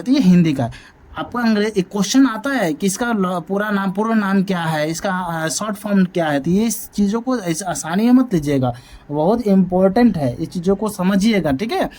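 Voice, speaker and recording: A man's voice: sits high, darkish tone. A male math teacher giving a classroom lecture, often asking a question and then answering it himself. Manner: drills points by asking and answering his own questions.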